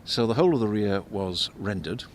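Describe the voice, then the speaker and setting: An older man giving unscripted commentary as an architect and local guide, discursive and explanatory, halting and repeating words. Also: lively intonation. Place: outdoors in a shopping street. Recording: vehicle rumble, street noise. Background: faint street traffic rumble.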